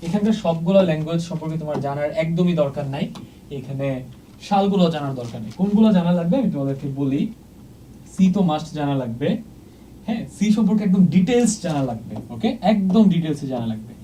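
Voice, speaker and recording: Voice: mid-range voice, lively intonation, fast, mellow, recorded from a distance, slight background noise, poor audio. Teacher checking in with okay at every step. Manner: mixes English words into speech. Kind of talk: exam-prep lecture at a board.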